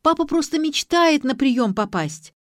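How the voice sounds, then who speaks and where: A woman voicing a bossy, quick-tempered young woman who gives emphatic orders, in an audiobook. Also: medium pitch, sing-song, dark tone, dry recording, studio quality, pitched above the performer's own voice, lightly acted. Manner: emphatic, commanding.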